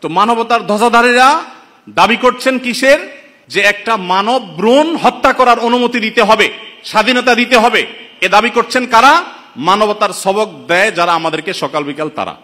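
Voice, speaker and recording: Indignant high-voiced preacher in reverberant hall. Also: male voice, a little fast, pushed and bright. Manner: rhetorical, indignant, addresses listeners as brothers. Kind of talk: impassioned sermon-style commentary. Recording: long reverberant hall sound.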